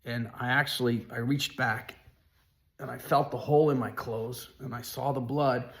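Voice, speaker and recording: A man telling a personal story in an earnest, halting way, often restarting his sentences. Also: mid-range voice, steady tone.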